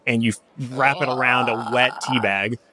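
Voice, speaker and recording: A man's voice: mid-range voice, steady tone, normal speed, crowd noise. A man running a tabletop game as game master, describing scenes and calling for rolls in a wry way.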